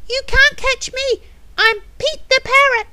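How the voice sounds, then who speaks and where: A woman voicing a cheeky, naughty male parrot in a children's story, squawking and yelling. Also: very high-pitched, steady tone, measured pace, no room sound, pitched above the performer's own voice, exaggerated voice.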